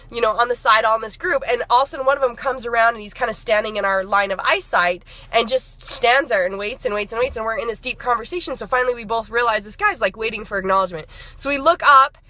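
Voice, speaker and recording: A woman's voice: on the high side, quick pace, sharp tone. A woman in her thirties, a fitness and nutrition coach, chatting in a casual motivational vlog with an upbeat, rambling manner full of fillers and restarts. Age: 30s.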